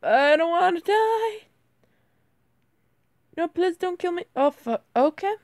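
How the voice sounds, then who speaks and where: Lively intonation and a slow, darkish delivery mark this very high female voice, captured in a dry recording. She's a gamer giving casual mobile gameplay commentary, flustered and self-deprecating, voice cracking, with "bro" and "like" filling nearly every line.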